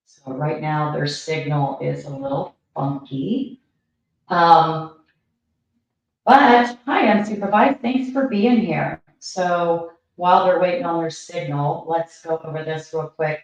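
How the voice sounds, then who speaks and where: Low-voiced woman, sounding like she's in a tube. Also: slow. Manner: chatty, lots of fillers. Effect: hollow, as if talking through a tube. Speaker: livestream host. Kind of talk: casual livestream commentary. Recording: very echoey, distant, dull sound.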